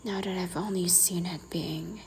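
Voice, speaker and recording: A woman in a whispered role-play, playing a strict, teasing librarian who quietly scolds a careless visitor. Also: on the low side, steady tone, moderate pace, vocal fry, a little hiss or hum. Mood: hushed, stern.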